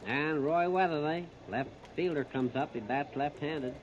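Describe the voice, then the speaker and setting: Calling baseball play-by-play on 1930s radio, an American man speaks in short, plain-spoken, folksy phrases. His voice is fairly high and unhurried, and the old disc recording is muffled and noisy.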